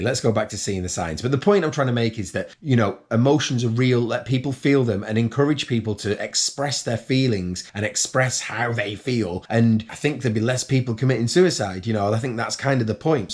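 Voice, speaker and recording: A young man speaking candidly in a personal vlog, earnest and rambling, correcting himself and adding wry asides. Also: mid-range voice. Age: young adult. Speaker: mental health vlogger.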